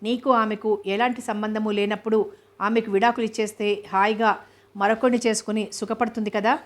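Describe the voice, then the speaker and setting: A woman's voice: mid-range voice, flat delivery, fairly quick, natural voice. A woman reading the lines of a heated, accusing foreign wife in an audiobook novel, in her own voice. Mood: indignant.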